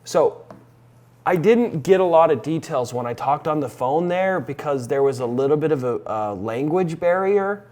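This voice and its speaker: A man's voice: a little high, animated, moderate pace, darkish tone. Casual male vlogger over faint music. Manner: informal vlogger addressing viewers. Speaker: vlogger and real estate investing coach. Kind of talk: casual day-in-the-life vlog talk.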